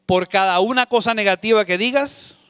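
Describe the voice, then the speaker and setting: A man preaching a sermon in a high, bright voice, with dry sound close to the mic. He drives his points home by repeating phrases. He swings between loud and soft to act out everyday scenes. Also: normal speed, clear, resonant tone, no room sound. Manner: emphatic, repeats key phrases. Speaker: pastor.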